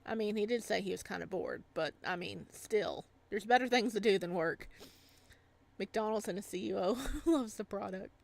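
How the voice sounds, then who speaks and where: Reading a visual novel aloud on stream, a woman chats with viewers in a giggly, playful way. Her mid-range voice is animated and creaky, and she speaks at a moderate pace.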